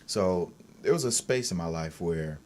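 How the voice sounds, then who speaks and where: A man in his thirties, a fitness coach, speaking calmly and smoothly in an interview. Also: low voice, a little hiss or hum. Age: 30s. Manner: calm, smooth, measured. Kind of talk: reflective interview answers.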